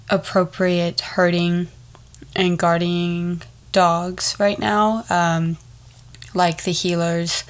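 A young woman with a wheezy, congested voice, chatting casually as a solo podcast host and drifting into rambling asides. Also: on the low side. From Texas, United States. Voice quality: wheezy, stuffed-up voice.

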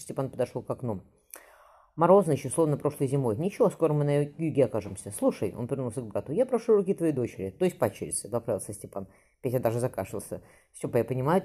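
A woman's voice: rumbling low, warm tone, husky. A woman reading a historical novel aloud as a narrator, lifting her voice for the characters' lines, with occasional slips and restarts. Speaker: audiobook narrator.

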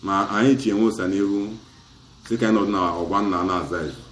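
A middle-aged chief speaking with an Asaba Igbo accent talks fast as he recounts a community dispute for an interview, mixing Igbo and English across long turns. He's from Nigeria, and his voice sits on the low side with fairly even intonation. The sound is roomy with slight background noise.

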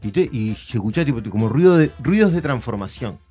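Man, halting anecdote, mid pitch. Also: expressive, a little mellow, husky, soft background music. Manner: halting anecdote telling with restarts.

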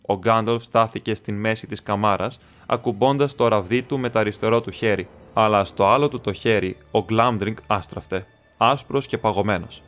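A man with a fairly low voice narrates an audiobook from a script, keeping his storytelling measured and steady.

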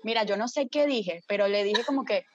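A woman telling a story casually to friends, dramatic and lively, swearing freely and often checking that her listeners follow. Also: mid-range voice, brisk, no room sound, lo-fi sound.

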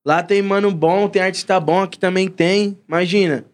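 High-voiced São Paulo guy talking street slang. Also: fairly even intonation, moderate pace. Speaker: music artist, guest. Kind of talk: casual chat.

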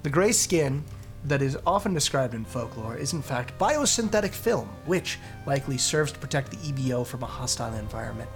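A man's voice: medium pitch, big pitch swings, fairly quick, soft background music. A man hosting a casual podcast, reading a post aloud with sarcastic asides and frequent laughter.

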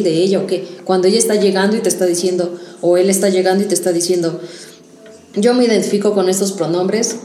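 A woman's voice: mid-range voice, mellow. A woman in casual debate chat, co-hosting a podcast, arguing and acting out imagined quotes. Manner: argumentative, acts out hypothetical quotes. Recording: roomy echo with faint music.

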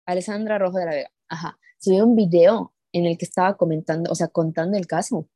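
A woman's voice: on the low side, fairly even intonation, fast, warm tone, no echo, studio quality. A young woman in casual chat, indignant and swearing freely. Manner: indignant, swearing, retells others with quoted voices.

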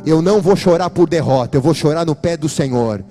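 A man's voice: on the high side, a little fast, dark tone, soft background music. A man with a Brazilian Portuguese accent preaching an emphatic church sermon as a pastor, addressing his congregation directly.

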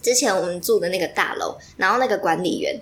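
Fast-talking woman telling stories. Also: medium pitch. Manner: animated storyteller, heavy use of fillers. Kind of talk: casual chat.

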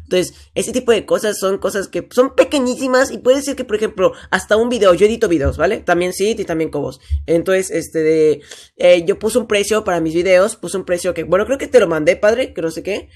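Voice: medium pitch, brisk, a little mellow. A young podcast host with a Mexican accent, chatting casually and rambling with lots of fillers.

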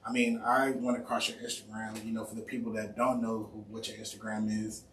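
A man's voice: fairly low pitch, little pitch movement, a little fast, a bit bright. Slangy podcast host man, roomy sound. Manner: slangy, lots of "you know". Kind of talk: casual interview chat. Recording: roomy, distant mic, faint noise.

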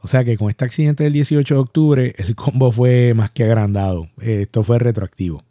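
A Puerto Rican man with a Puerto Rican Spanish accent, hosting a podcast and recounting a personal story in a halting, reflective way. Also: medium pitch, dark tone, no room sound, clean studio sound. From Puerto Rico. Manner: halting, reflective, many restarts and fillers. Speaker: podcast host.

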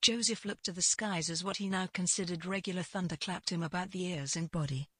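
Narrating scripted fiction, a woman uses a lowish, husky voice with a sharp tone. She phrases things deliberately, pausing between short clauses, and the audio is close and dry with no room sound at all.

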